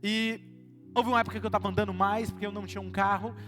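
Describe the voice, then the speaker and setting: A man's voice: high-pitched, little pitch movement, very fast, long reverb tail. A man with a Brazilian Portuguese accent, a pastor preaching a sermon to a live congregation in a conversational way, throwing questions at the crowd. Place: church service before a live congregation. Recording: live sermon with loud music behind.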